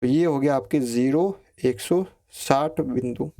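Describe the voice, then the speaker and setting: A man teaching a maths lesson, explaining each step slowly, counting values aloud and checking in with his students. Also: medium pitch, warm tone. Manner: asks students questions, repeats phrases like ठीक है.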